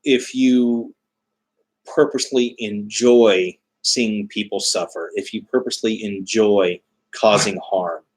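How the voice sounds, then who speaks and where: A man chatting casually as a livestream host, halting often as he searches for his words. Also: on the low side, rough recording. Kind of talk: casual live chat explaining spiritual beliefs.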